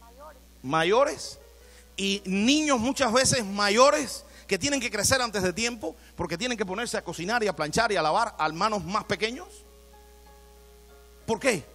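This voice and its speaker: A male pastor delivering an animated sermon in church, asking his congregation questions. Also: high voice, a little slow, faint music behind.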